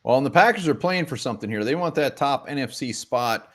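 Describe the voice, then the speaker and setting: A man co-hosts a live sports chat in a voice of ordinary pitch. He talks bluntly, swears freely and jokes with his partner. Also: expressive, fast talker, fairly bright tone. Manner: blunt and profane, joking. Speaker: sports podcast co-host.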